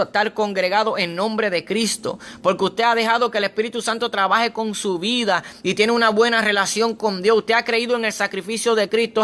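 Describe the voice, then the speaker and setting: A man's voice: sits high, sharp tone. A man preaching a sermon, earnestly reading scripture aloud and pressing his points with repeated phrases.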